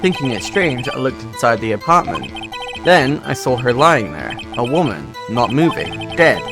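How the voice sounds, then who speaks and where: A man's voice: mid-range voice, very animated, a little slow, music in the background. A man voicing a nervous male newspaper salesman witness in a put-on posh British accent. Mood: solemn. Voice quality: posh, stiff.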